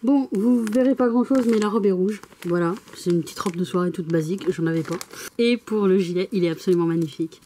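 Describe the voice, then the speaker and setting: A young adult woman chatting casually in a vlog, giggling often and getting excited as she talks about her day. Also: mid-range voice, brisk, slight background noise. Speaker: vlogger.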